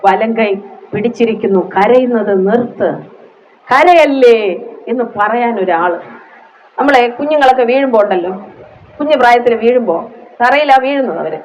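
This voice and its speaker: A woman's voice: on the high side, expressive, moderate pace, pauses often, slight background noise, poor audio. A woman with a Malayali accent preaching a sermon, emotional and rising into fervent prayer, with frequent hallelujahs.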